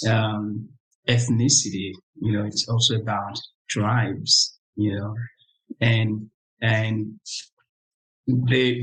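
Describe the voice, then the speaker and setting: A young man from Congo, an interview guest, telling his own story in a reflective, halting way with frequent restarts. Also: lowish voice, poor audio. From Democratic Republic of Congo. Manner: reflective, halting, many restarts and "you know".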